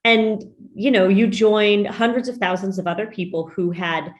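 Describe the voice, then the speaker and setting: A woman's voice: medium pitch, steady tone, moderate pace. A woman hosting a business podcast interview, upbeat and emphatic, now and then saying "y'all". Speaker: podcast host and business coach.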